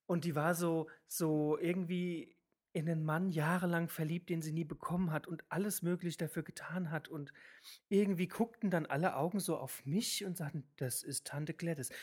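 A man's voice: a little high, normal speed. A man of twenty-nine, a drag artist, answering interview questions in a giggly, hesitant way.

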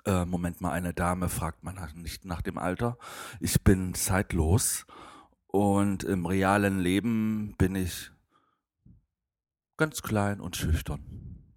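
Drag artist man with a very deep voice, slow, coy and teasing, dry close sound. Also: steady tone, a little mellow, no room sound. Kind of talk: casual interview answers.

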